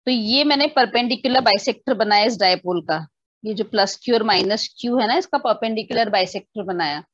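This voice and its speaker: A woman teaching physics in an online class, her voice pitched a little high and recorded close and dry. The sound is slightly dull and lo-fi. She explains step by step, slips into English for definitions and keeps asking her students whether they follow. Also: a little fast, a bit bright, no room sound.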